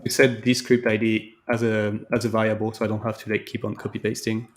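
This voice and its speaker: A man's voice: fairly low pitch, level tone, quick pace. Chatty man thinking aloud while coding. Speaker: live stream host. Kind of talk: casual coding walkthrough.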